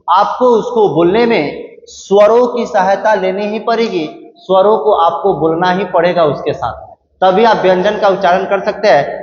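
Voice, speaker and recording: High-voiced male teacher in echoey room. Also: a little hiss or hum. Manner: repeats each point and asks the class questions. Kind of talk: classroom grammar lesson. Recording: echoey room, dull lo-fi sound.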